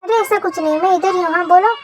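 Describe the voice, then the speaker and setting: A woman's voice: extremely high pitch, fast, slight background noise. A woman voicing a strict, bossy mother who scolds her daughter in a fan-fiction voice story. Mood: scolding.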